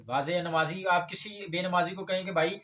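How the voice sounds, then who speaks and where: A man's voice: high-pitched, steady tone, fairly bright tone, recorded from a distance, muffled recording. A man preaching an Islamic lecture, arguing against another scholar's reading with rhetorical questions and reciting verses. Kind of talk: religious lecture with Quran recitation.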